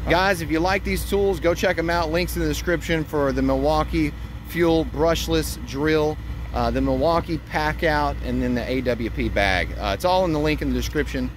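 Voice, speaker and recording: A man's voice: fairly high pitch, moderate pace. Man explaining HVAC work on a rooftop. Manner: talks viewers through repairs while working. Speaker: HVAC technician host. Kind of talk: casual on-the-job instruction. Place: rooftop outdoors by an HVAC unit. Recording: outdoor traffic noise behind.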